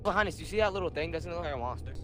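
A man's voice: a little high, animated, racing, over music. A scared young man chatting casually as he plays a horror game, urgent and repeating short phrases. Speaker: co-player in a horror game stream. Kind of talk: casual gaming chat. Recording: very noisy game voice chat, clicks.

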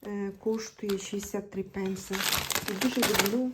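A woman's voice: medium pitch, fairly even intonation, normal speed. A woman from Ukraine vlogging in a chatty, homely way, talking straight to her viewers about groceries and meals, partly from a moving car. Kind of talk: casual chat showing groceries and meals. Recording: loud background noise with car sounds.

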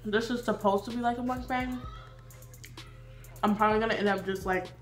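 A woman's voice: mid-range voice, fairly even intonation, brisk, echoey room, faint music behind. A 21-year-old woman chatting casually while eating for a mukbang vlog, with lots of fillers. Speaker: mukbang vlogger.

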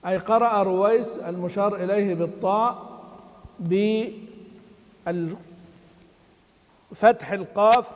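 A man teaching Quran recitation in a lesson. He quizzes his students and then answers himself, and he chants the quoted verses slowly. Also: high-pitched, a little mellow. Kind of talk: classroom lesson. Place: study hall of a mosque. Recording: long hall reverb.

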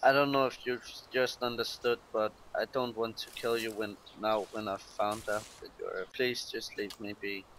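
A man's voice: fairly low pitch, flat delivery, normal speed, hardly any pauses, fairly bright tone. A man playing an online role-play game, talking to other players over voice chat. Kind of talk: gaming voice chat. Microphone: gaming voice chat microphone. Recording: faintly noisy game voice chat.

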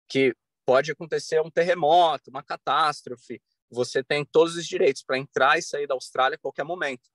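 A man in his thirties from Brazil, a podcast guest talking earnestly over a video call from a bright room at home, with many restarts and fillers. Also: a little high, no room sound. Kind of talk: casual interview talk. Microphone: video call webcam.

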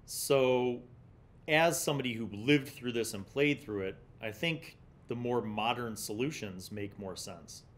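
Low rumbling noise underlies this clip of a middle-aged man reviewing tabletop games, carefully explaining points and reading magazine text aloud. He works from a small studio with a block wall, using a large condenser mic placed on his desk.

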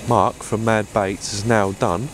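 Deep-voiced bloke chatting casually. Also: male voice, steady tone, a little slow, slight background noise. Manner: chatty, rambling, with fillers and restarts. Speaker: fishing vlogger. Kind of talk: casual vlog chat to camera. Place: inside a fishing bivvy tent by a lake. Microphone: clip-on lapel mic.

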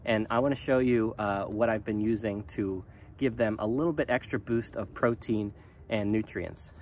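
A man in his thirties talking casually to a handheld phone outdoors in his chicken run, relaxed and rambling with many ums. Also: lowish voice, moderate pace, slight background noise. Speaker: small farm vlogger. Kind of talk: casual vlog talk to camera. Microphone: phone at arm's length.

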